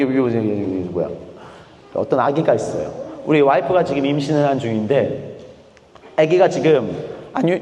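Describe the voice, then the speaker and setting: Animated pastor in an echoey church. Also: male voice, on the high side, a little hiss or hum. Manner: mixes English words into Korean, asks the congregation questions. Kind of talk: sermon. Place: church sanctuary. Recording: echoey church hall with long reverb.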